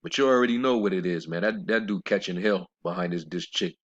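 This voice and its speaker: A man giving informal scripture commentary in a blunt, scornful way, rambling with fillers and slowing down to read verses. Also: sits low. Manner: rambling, with many fillers and restarts; reads scripture in a slower, measured cadence. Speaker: religious commentator. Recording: dull lo-fi recording.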